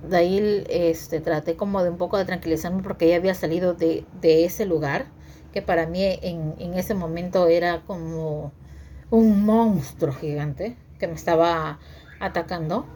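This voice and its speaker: A woman telling a personal story to her viewers in a halting way, repeating words and using many fillers. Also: lowish voice, fairly even intonation, mellow, slight background noise. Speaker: vlogger sharing her story.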